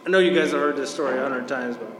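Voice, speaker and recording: A man roasting a friend with gruff, rambling, swear-filled anecdotes full of quoted dialogue. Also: mid-range voice, rapid-fire, fairly bright tone. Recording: roomy hall with long reverb, audience noise.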